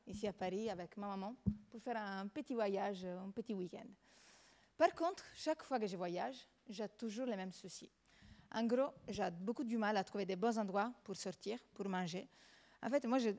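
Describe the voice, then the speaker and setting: A woman's voice: mid-range voice, darkish tone. A young woman from Italy, speaking French with an Italian accent, giving a playful, chatty demo of an app to a live audience and talking straight to them. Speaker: student presenter. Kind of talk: live product demo pitch. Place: event stage before an audience.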